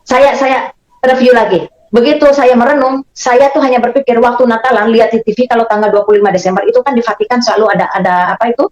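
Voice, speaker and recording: Woman, rapid storytelling testimony, fairly high voice, dull lo-fi sound. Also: echoey room. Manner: animated, acts out dialogue. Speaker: guest giving a faith testimony. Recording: dull lo-fi recording.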